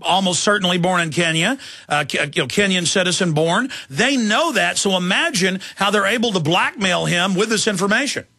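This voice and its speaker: Fast, forceful male talk-radio host. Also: sits high, gravelly, slightly rough, dry recording. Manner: rapid, emphatic, combative.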